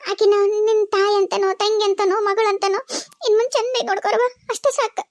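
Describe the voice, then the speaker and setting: A woman's voice: very high voice, steady tone, brisk. A woman with a North Karnataka Kannada accent voicing all the characters of a cartoon family drama in a tearful, pleading way. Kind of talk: emotional cartoon voice acting.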